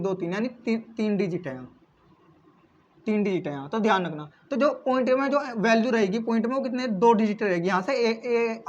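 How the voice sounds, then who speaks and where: A male maths teacher explaining step by step, asking questions and answering them himself, repeating key points and calling his viewers friends. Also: very high-pitched. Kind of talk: classroom-style maths explanation. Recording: slightly dull lo-fi recording.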